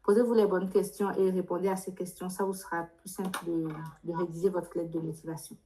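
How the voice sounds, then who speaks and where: Leading a workshop for international students, a woman gives spontaneous advice in a live Q&A, directive and insistent and full of probing questions. Her lowish, warm voice is flat and fairly quick, on poor audio with slight background noise.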